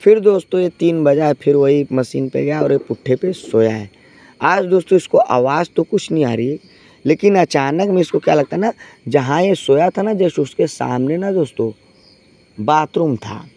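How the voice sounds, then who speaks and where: A man's voice: a little high, animated, moderate pace, mellow, dry recording. Man telling a spooky story casually. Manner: conversational, repeatedly addresses listeners as friends. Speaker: horror storyteller. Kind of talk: casual spoken horror narration.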